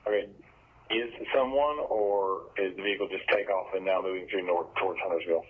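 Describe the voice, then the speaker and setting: A man's voice: low voice, fairly even intonation, fairly quick, breathy edge. A man talking tersely over a police radio. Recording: thin phone-like police radio.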